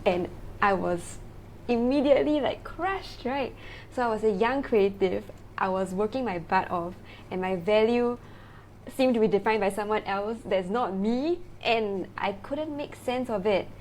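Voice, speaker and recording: A woman's voice: medium pitch, measured pace, a little mellow, a little hiss or hum, low-quality recording. A woman from Singapore, a founder talking as a guest in a casual interview, chatty and full of fillers and tag questions.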